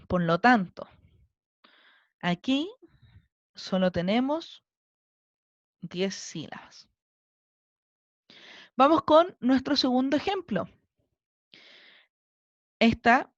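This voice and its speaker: A woman's voice: a little high, lively intonation, takes it slowly, long pauses, no echo, highs cut off. A woman teacher with a Chilean Spanish accent, giving a recorded lesson and patiently counting syllables aloud step by step. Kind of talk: recorded online class lesson.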